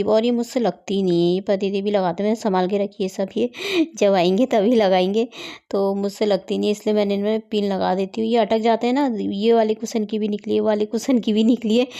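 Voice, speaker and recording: Woman, thirties, casual home vlog, chatty, rambling, laughs often, warm mellow tone. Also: mid-range voice. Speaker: vlogger. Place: home, rooms and rooftop.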